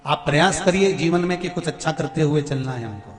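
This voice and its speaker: A man preaching a devotional sermon in a folksy, sing-song storytelling way, swinging between soft asides and loud exhortations. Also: fairly high pitch, expressive, brisk. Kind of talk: devotional sermon to a large gathering. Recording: echoey hall with faint music.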